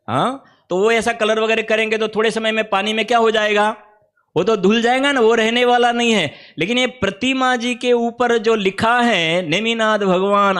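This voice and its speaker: A man with a high-pitched voice and a Gujarati accent delivers a spiritual discourse. He talks in a conversational way and keeps putting questions to his listeners. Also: a bit bright. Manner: conversational, asks the audience questions often. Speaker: Jain preacher. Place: teaching camp hall.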